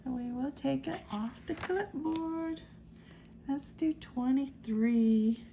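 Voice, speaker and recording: A woman narrates in a slow, steady, casual way, reading numbers one after another. Her high voice is dark and mellow with a gravelly edge. There is faint noise in the background. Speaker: lottery scratch-off channel host.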